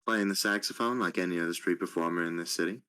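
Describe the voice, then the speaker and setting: A man playing a cocky, deep-voiced street saxophonist. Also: quick pace, pushed and bright, clean tone. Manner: glib, unbothered.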